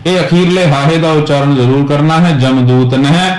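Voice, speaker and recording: Male scripture teacher, slightly high voice, chants verses slowly in a roomy, echoey space. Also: fairly even intonation. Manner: slow, measured chanting of verses between spoken explanations. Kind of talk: Gurbani pronunciation lesson. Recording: roomy echo.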